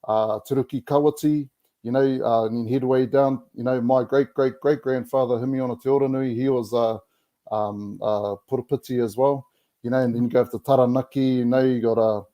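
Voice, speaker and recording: A man speaks with a broad Kiwi accent in a mellow, relaxed voice at a middling pitch. He chats casually and reflectively, in colloquial English sprinkled with Māori words. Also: a little fast. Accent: broad Kiwi, Māori New Zealand English. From New Zealand. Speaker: podcast guest.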